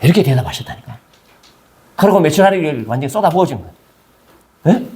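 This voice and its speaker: A man's voice: on the high side, big pitch swings, a little fast, darkish tone. A male pastor preaching a conversational sermon and often asking the congregation questions.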